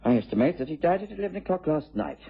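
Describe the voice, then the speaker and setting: An actor playing an obliging, bluff English gentleman doctor in a vintage radio drama, with a hesitant, exclamatory manner. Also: on the high side, big pitch swings, very fast, breathy edge, full character voice. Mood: businesslike. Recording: muffled old radio drama recording.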